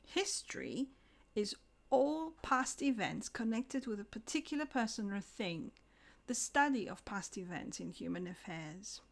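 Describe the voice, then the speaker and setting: A woman giving a scripted English lesson, slowing down to pronounce example words carefully. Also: mid-range voice, animated, gravelly. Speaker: English teacher.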